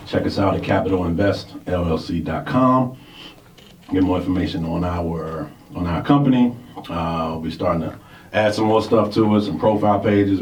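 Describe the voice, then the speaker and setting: A man in his forties with a low, darkish voice co-hosts a radio talk show, speaking in a laid-back, casual way. The studio sounds roomy, with the mic at a distance and a faint hiss.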